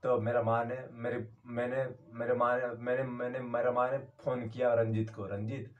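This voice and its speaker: A man's voice: mid-range voice, completely flat delivery, phone-quality sound. Rambling man telling a story from far off. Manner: rambling, halting, many fillers and restarts. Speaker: YouTuber. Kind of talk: casual first-person storytelling.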